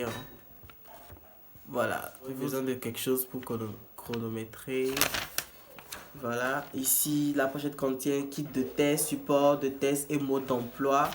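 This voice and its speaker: A man explaining a kit step by step at an unhurried, slow pace, often stumbling and repeating himself as he goes. His voice sits at a middling pitch with faint noise behind it. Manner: hesitant, restarts and repeats words. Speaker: peer educator in HIV prevention. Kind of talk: casual hands-on product demonstration.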